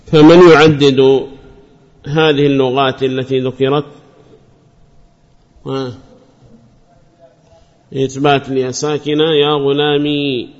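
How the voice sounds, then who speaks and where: A man teaching a grammar lesson at an even, mid-range pitch, calling on students by name and restating each rule patiently. The recording is muffled and lo-fi. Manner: quizzes students by name and praises answers; repeats and restates points patiently.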